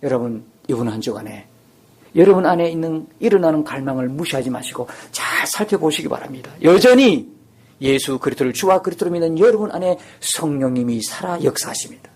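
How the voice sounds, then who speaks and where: Male pastor with a high voice, preaching a sermon and acting out pleading prayers. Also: animated, brisk, slightly rough. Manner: acts out quoted prayers with rising intensity; drops to a soft near-whisper at times.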